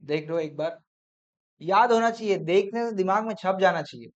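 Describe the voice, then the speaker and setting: A man's voice: high-pitched, moderate pace. A man teaches an accounting revision class, counting off points and quizzing his students as he goes. He mixes English terms into his Hindi. The recording sounds dull and lo-fi. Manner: drills points in numbered lists, quizzing students.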